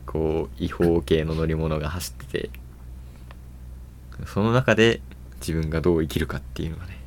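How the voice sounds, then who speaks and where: A man in casual podcast chat who talks fast and eagerly about games and films, laughing often. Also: rumbling low, slight background noise. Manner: excited fast-talking gamer enthusiasm, laughs often. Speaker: podcast co-host.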